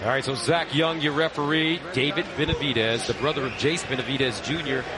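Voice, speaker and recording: A man's voice: medium pitch, fairly quick, a crowd in the background, noisy background. A man giving live boxing play-by-play commentary in clipped, punchy phrases.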